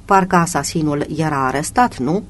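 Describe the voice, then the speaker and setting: Reader doing a worried middle-aged wife, gentle, questioning, audiobook. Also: mid-range voice, a little hiss or hum, lightly acted. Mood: concerned.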